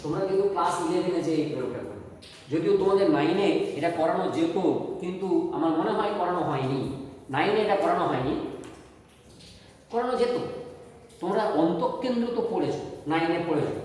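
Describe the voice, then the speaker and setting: A woman's voice: fairly low pitch, expressive, fairly quick, darkish tone. A woman teaching a math class, explaining step by step and checking in with her students. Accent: Bengali. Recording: echoey room from far off, faint noise.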